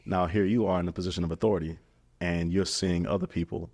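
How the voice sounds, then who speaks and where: A man's voice: low voice, fairly even intonation, quick pace, a little mellow, husky. A man hosting a podcast, speaking in an earnest and reflective way in a casual interview. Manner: earnest, reflective, calls the guest brother. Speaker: podcast host.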